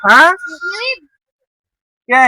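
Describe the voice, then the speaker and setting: An adult host running a children's game, coaxing and cheering the kids on with quick repeated encouragement. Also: sharp tone, dry recording. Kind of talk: running a live kids' game. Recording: noisy crowd of children around.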